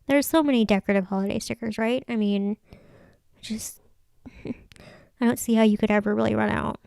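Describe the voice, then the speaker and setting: A woman's voice: mid-range voice, fairly even intonation, fast, gravelly, a little mellow, smooth, dry recording, studio quality. A woman giving a casual, chatty planner tutorial as a craft vlog host, thinking aloud as she goes.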